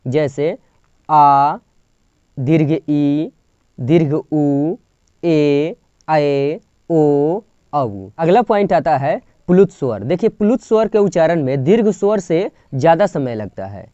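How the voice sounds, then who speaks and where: A man with a fairly high, mellow voice teaches a grammar lesson, moving point by point and stretching single sounds out as examples. The recording is dry and dull. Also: no echo. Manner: explains step by step, drawing out sounds as examples. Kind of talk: classroom-style grammar lesson.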